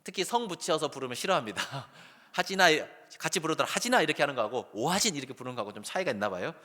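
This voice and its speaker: A middle-aged male pastor preaching a sermon, lively and animated, sometimes loud and sometimes dropping soft. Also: mid-range voice, very fast. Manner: animated preaching, acts out calls in a raised voice, then drops soft. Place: church sanctuary. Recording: long hall reverb.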